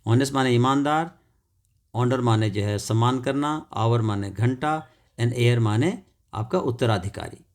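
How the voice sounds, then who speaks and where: Male teacher, unhurried lesson delivery, spells words out letter by letter, mid-range voice, keeps checking for understanding. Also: mid-range voice. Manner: repeats words and adds "theek hai" checks. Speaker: English teacher. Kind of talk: classroom lesson explanation.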